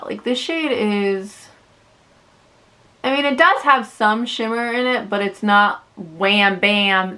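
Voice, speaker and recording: A woman's voice: mid-range voice, sharp tone. A young woman vlogging a casual makeup review, chatty and self-deprecating with lots of fillers. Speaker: beauty vlogger.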